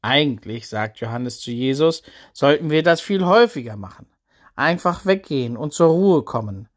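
Man gently narrating a Bible story. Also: medium pitch, animated, moderate pace.

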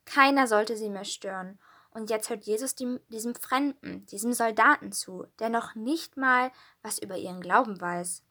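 A woman reads a children's Bible story aloud with calm, clear storytelling. Her voice sits somewhat high. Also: moderate pace.

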